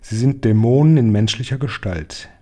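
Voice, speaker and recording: A man's voice: mid-range voice, normal speed, dark tone, close to an everyday voice. A man voicing a stern, knowing old grandmother who gives grave, matter-of-fact warnings in a storybook.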